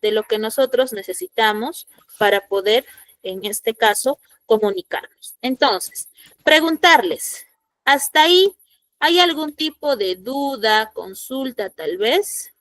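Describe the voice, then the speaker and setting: A woman's voice: on the high side, lively intonation, slow, fairly bright tone. A woman teacher, explaining grammar rules and asking her students questions. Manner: explanatory, asks the class questions. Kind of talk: classroom lesson to students.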